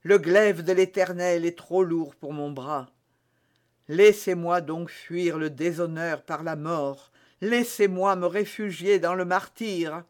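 Give me a man reading as a scheming woman prisoner in a storybook, begging slowly in a high voice. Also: steady tone. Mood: pleading. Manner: pleading, pious, slow. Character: scheming captive woman pleading piously. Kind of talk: audiobook character reading.

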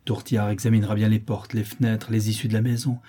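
A man voicing a cold, calculating brigand in an audiobook, calm and authoritative. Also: lowish voice, quick pace, slightly rough. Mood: commanding.

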